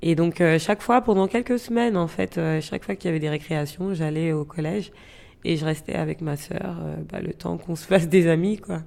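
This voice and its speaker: A young woman in her twenties from Gabon recounts her own past in an interview. Her voice sits a little low for a woman. She speaks reflectively and hesitantly, often pausing on fillers and restarting her sentences. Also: gravelly, a little mellow. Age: 20s. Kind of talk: reflective personal storytelling.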